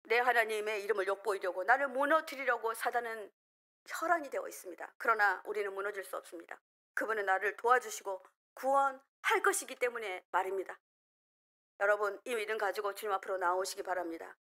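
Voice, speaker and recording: A woman's voice: medium pitch, fairly quick, sharp tone. A woman pastor delivering a fervent sermon at a prayer meeting, rising into emphatic exhortations. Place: church sanctuary.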